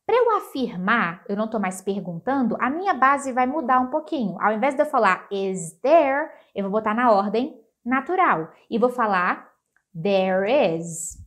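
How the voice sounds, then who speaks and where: In a casual video lesson, a Portuguese-speaking woman teaches English with an animated, chatty manner and a fairly high pitch. She slows right down for English example sentences and speeds up when explaining.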